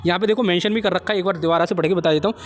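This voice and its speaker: A young Indian man hosting a job-update video explains a recruitment notice informally, speaking fast at a high pitch. He's chummy, calls viewers his friends, and keeps repeating check phrases.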